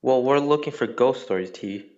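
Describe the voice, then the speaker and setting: A male caller telling the host a rambling, deadpan nonsense story. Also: mid-range voice, normal speed, highs cut off.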